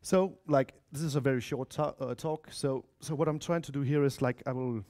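With a mid-range, slightly mellow voice, fairly even intonation, and normal speed, a Danish-accented conference speaker presents an informal tech talk in an indoor lecture room. The software developer, in his thirties and from Denmark or Spain with mixed Spanish-Danish family, chats and adds asides for the audience.

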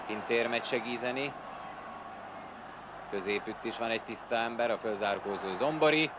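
A man from Hungary giving excited live football commentary, shouting at the big moments. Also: on the low side. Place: large outdoor stadium, packed crowd behind. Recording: archive 1970s broadcast, loud stadium crowd noise.

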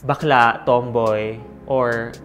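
A man's voice: medium pitch, slow pace. A young man with a Filipino accent, an advocacy director speaking expressively in a studio interview. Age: young adult. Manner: expressive, mixes English and Tagalog. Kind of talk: interview commentary. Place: indoor studio, grey backdrop, seated. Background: background music.

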